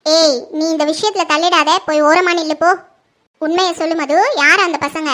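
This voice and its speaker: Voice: high-pitched, steady tone, moderate pace, bright, forceful tone. A performer in a home-made family skit, playing a middle-aged mother who sharply accuses her daughter. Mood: angry, accusing. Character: furious middle-aged mother, suspicious and scolding.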